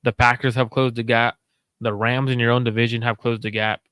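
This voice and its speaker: A man hosting a casual sports chat, analytical and measured, repeating his main points. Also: mid-range voice, level tone, fairly bright tone, clear, resonant tone, no room sound. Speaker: host.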